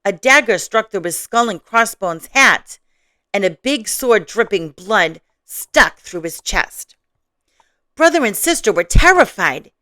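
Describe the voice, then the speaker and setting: Expressive woman reading children's stories. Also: mid-range voice, unhurried, no room sound, studio quality. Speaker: storyteller host. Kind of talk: children's story read-aloud.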